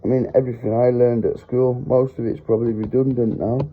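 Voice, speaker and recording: A middle-aged religious vlogger preaches into his phone in a medium-pitched voice, talking fairly quickly with a flat delivery. Though his rambling monologue is earnest and heartfelt, he keeps pausing to apologize, all with a tinny phone-line sound.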